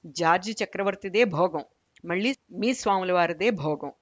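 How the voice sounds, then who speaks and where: A woman reading as a sharp-tongued old grandmother. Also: fairly low pitch, normal speed, no echo, close to an everyday voice. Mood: mocking. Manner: teasing, scornful. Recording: dull lo-fi recording.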